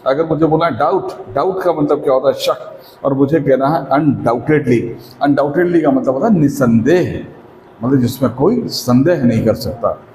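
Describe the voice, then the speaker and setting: A man with an Indian accent teaching a spoken English lesson, explaining step by step and often asking if it is clear. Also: medium pitch, moderate pace, darkish tone, a little hiss or hum. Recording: echoey room with long reverb.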